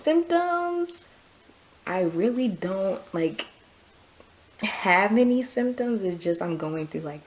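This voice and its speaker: A young woman vlogging a casual pregnancy update, a little out of breath, chatty and quick to laugh. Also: low-pitched, gravelly, darkish tone. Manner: chatty, repeats herself, laughs often. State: slightly out of breath.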